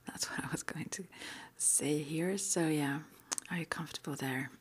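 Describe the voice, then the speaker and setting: Her whisper sits low and sounds slightly rough as a woman improvises an ASMR roleplay, breathily guiding someone around a witch school. She's halting but gently reassuring.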